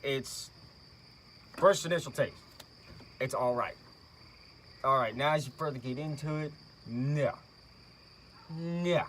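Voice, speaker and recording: A man's voice: mid-range voice, slow pace, pauses often, fairly bright tone. A young man with chewing tobacco in his lip, giving terse, blunt, profane opinions in casual chat. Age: young adult. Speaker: amateur product reviewer. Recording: amateur recording, faint insect-like noise.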